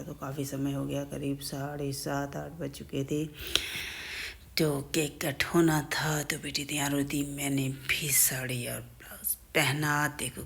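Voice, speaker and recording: Very gravelly, low-voiced woman vlogger. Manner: chatty, narrating each step as it happens. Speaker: family vlogger. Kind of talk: casual vlog narration.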